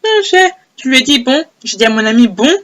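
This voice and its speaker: A young woman with a hoarse, low voice telling a personal story in a casual, animated way, repeating phrases for emphasis. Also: a little fast. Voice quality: low broken voice. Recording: old homemade audio.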